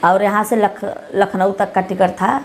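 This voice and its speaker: A woman's voice: medium pitch, steady tone, a little slow, faint music behind. A middle-aged woman with a Bhojpuri-tinged Hindi accent gives an interview as the mother of the deceased. She rambles and repeats herself, and she acts out what others said to her. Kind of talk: emotional testimony interview.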